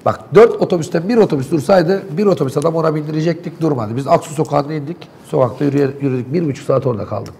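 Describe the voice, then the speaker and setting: A man's voice: a little high, racing, creaky, few pauses, warm tone, husky. A man in a local TV studio, animatedly and indignantly recounting events in heated talk.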